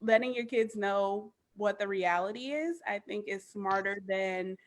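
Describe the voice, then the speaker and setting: A woman in her thirties, a podcast guest, talking in an animated, emphatic casual way with lots of "like". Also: medium pitch, unhurried. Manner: animated, emphatic, frequent "like" fillers. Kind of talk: casual chat.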